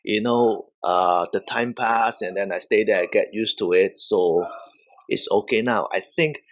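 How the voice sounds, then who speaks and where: Speaking low and unhurried, this Hong Kong-born wrestler shares casual stories in an interview. He is a native Cantonese speaker and has a Hong Kong accent.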